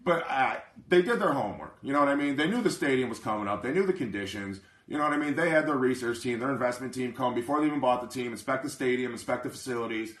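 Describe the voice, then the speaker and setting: A man's voice: mid-range voice, animated, quick pace, hardly any pauses, fairly bright tone, roomy sound. A man hosting a casual live chat, brash and profane, rambling and often asking if listeners follow him. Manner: keeps asking "you know what I mean". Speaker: livestream host.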